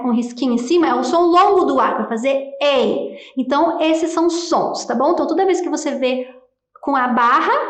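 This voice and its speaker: A woman's voice: high voice, reverberant. A Brazilian woman teaching an English phonics lesson, explaining patiently and checking in with "tá?". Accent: Brazilian Portuguese. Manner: explanatory, repeats "então" and "tá?".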